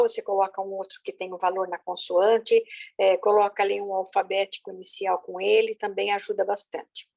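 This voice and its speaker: A woman's voice: medium pitch, creaky, darkish tone. A woman teacher patiently explaining how children learn to write, often checking in with her listeners. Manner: patient, with many "né?" and "tá?" check-ins. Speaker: literacy teacher.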